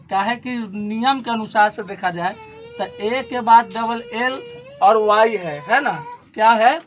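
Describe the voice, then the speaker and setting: A male teacher giving a classroom grammar lesson, explaining slowly and repeating points, asking questions and answering them himself, pointing to a board. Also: high-pitched, slight background noise. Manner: repetitive, asks and answers own questions; slow, stressed explanation.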